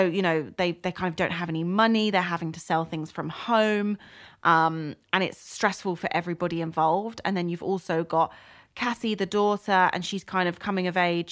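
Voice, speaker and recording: A woman's voice: lowish voice, fairly bright tone. A woman co-hosting a book podcast, chatting casually with many fillers and restarts. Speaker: podcast co-host.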